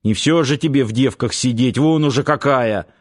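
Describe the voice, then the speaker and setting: A man reading an audiobook, voicing a gruff, caring grey-bearded grandfather who grumbles unhurriedly. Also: mid-range voice, normal speed, natural voice. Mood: grumbling.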